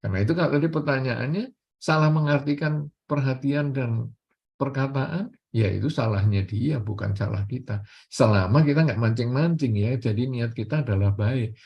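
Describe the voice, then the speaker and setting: An older man, a Buddhist monk, giving a sermon in a relaxed, colloquial way and often acting out everyday conversations. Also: moderate pace, gravelly, breathy edge, lo-fi sound. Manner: colloquial, often acts out everyday dialogue with big pitch swings.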